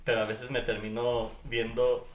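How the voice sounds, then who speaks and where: A man's voice: mid-range voice, monotone, moderate pace. A man chatting casually on a podcast, rambling through hesitant explanations and laughing often. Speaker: podcast co-host. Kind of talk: casual chat. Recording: echoey room.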